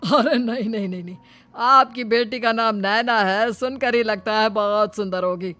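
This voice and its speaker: Ingratiating, greedy father-in-law, done by a woman, fussy, highish voice, cartoon moral tale. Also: normal speed, a bit bright, faint music behind, close to an everyday voice. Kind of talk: cartoon moral-story character acting.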